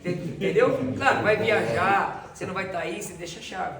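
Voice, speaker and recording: High-voiced pastor in a roomy hall. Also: male voice, moderate pace, vocal fry, very noisy. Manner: joking, direct, addresses audience as "gente". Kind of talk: casual church talk with anecdotes. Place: church hall with audience. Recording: roomy hall, far mic, audience audible.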